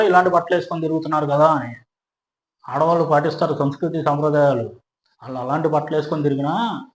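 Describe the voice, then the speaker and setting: A man giving an argumentative commentary monologue, full of rhetorical questions and "hm?" tags after each point. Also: high voice. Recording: echoey room.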